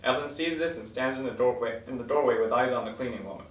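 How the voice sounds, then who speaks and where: At a table read, a man reads screenplay stage directions as scripted narration in a mid-range voice, speaking fast. The recording is noisy and echoey, picked up from far off.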